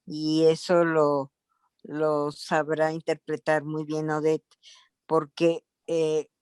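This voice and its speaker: Woman artist, smooth and resonant, unhurried storytelling. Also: on the low side, no room sound. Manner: measured, personal storytelling. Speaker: artist panelist. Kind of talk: panel discussion talk.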